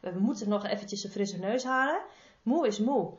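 A woman's voice: medium pitch, expressive, moderate pace. Female therapist, informal and affectionate, repeats her advice. Roomy, slightly muffled recording. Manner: affectionate toward listener. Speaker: body-energy therapist. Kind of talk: casual advice monologue. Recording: roomy, slightly dull sound.

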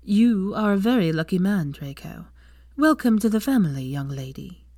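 A woman's voice: mid-range voice, expressive, normal speed, a little mellow, dry recording, clean studio sound. A woman voicing a smiling noble lady in a portrait who congratulates the couple. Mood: pleased. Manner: pleased, congratulating.

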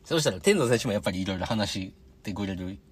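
A man's voice: lowish voice, expressive, fast talker, slight background noise. A young man with a Kansai accent hosting a casual solo podcast, chatting about his day and acting out the voices in his anecdotes. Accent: Kansai Japanese. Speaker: podcast host.

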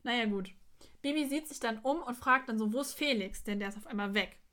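A woman's voice: on the high side, a little fast, fairly bright tone. A young woman co-hosting a podcast, chatting casually and retelling scenes with quoted lines and frequent laughter. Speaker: podcast co-host. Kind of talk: casual chat recapping an episode.

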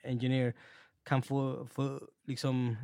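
A man working as a mixing and mastering engineer, chatting casually in a podcast, relaxed and quick to laugh. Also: mid-range voice, creaky, no room sound, studio quality. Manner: relaxed, laughs often, many restarts and fillers.

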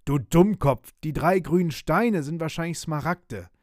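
A man's voice: medium pitch, lively intonation, moderate pace, no echo, studio quality, lightly acted. A man voicing a grumpy, bossy pirate ship captain who barks orders. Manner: barking commands, gruff.

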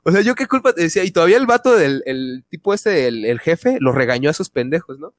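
A man's voice: fairly high pitch, big pitch swings, fast talker, dry recording. A young adult man with a Mexican accent, co-hosting a casual chat and telling a personal story, full of slang and swearing. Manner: slangy, swears freely, acts out quoted voices. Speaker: podcast co-host.

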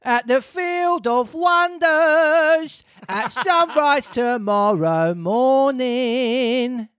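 A reader putting on Pinocchio, shrill stubborn puppet boy. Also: a bit bright, clean tone, dry recording, clean studio sound, heavily acted. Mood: eager. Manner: high, drawn-out boyish pleading. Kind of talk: storybook reading.

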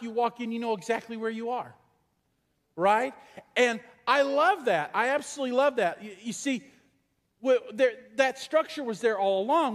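A high-pitched man, middle-aged, preaching to his congregation as their pastor. He tells stories in a loose, conversational way and keeps asking the people in the pews questions. His voice rings out with a long reverb through a large church hall. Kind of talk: sermon.

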